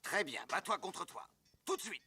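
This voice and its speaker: An actor playing an officious, greedy tax clerk with a pompous manner in a French film dub, on a noisy soundtrack. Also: male voice, sits high, expressive, normal speed, pushed and bright, heavily acted. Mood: haughty, demanding. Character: officious, greedy male tax clerk throwing his authority around. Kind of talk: French-dubbed martial arts film dialogue.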